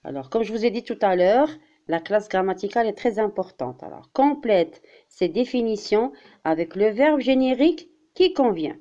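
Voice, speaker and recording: A woman primary school teacher giving a vocabulary lesson, speaking deliberately, repeating words and acting out examples. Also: medium pitch, lively intonation, mellow, lo-fi sound.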